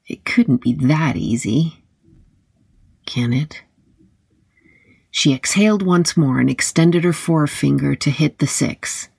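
Audiobook narrator, gravelly, close and dry, wry gritty delivery. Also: medium pitch, no echo. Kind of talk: scripted narration of a paranormal detective novel.

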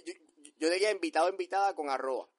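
A man co-hosting a casual podcast, excitable and stammering when flustered. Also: fairly high pitch, racing. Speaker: podcast co-host. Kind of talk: casual joking podcast chat.

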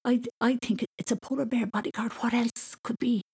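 A woman voicing an eager, imaginative young boy who whispers and shouts breathlessly. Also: on the low side, animated, unhurried, breathy edge, full character voice. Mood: excited whispering.

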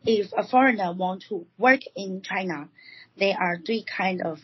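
A woman from Taiwan talks as a guest on a podcast, explaining her points at a measured pace and pausing with frequent fillers. Her voice is strongly breathy and husky. The sound is dull and lo-fi. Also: mid-range voice. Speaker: recruiting consultant guest. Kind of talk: podcast interview.

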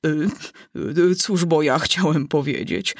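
A woman's voice: on the low side, moderate pace, natural voice. A woman voicing a solemn, pompous bird who loves long words, in a storybook reading. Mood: flustered. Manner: pompous, wordy, easily offended.

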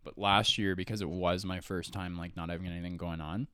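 A man's voice: low voice, little pitch movement, a little fast, sharp tone, slight background noise. A man in his early twenties co-hosting a podcast, chatting casually and rambling with lots of "like" and restarts. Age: early 20s. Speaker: podcast co-host. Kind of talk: casual chat.

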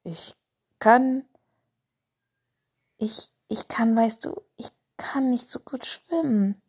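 A woman voicing a small, shy polar bear cub who speaks softly and stammers, in a storybook reading. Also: high-pitched, slow pace, vocal fry, husky, pitched above the performer's own voice, heavily acted. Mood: homesick. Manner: stammering, soft and whispery.

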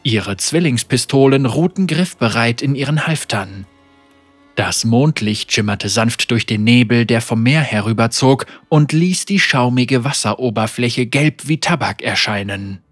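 Man narrating a dark pirate tale. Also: mid-range voice, lively intonation, no room sound, faint music behind. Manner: measured, vivid storytelling. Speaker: audiobook narrator. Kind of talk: scripted narration.

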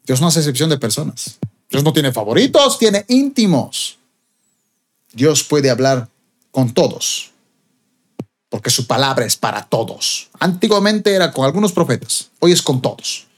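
A man preaching a sermon with emphatic delivery that climbs to high, stressed peaks.

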